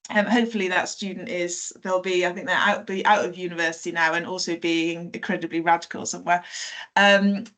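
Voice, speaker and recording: A woman from South Wales who works as a teacher, telling personal stories in a relaxed podcast chat with frequent fillers and self-corrections. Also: fairly low pitch, fairly quick. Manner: chatty, many fillers and self-corrections, light laughs. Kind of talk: casual conversational storytelling.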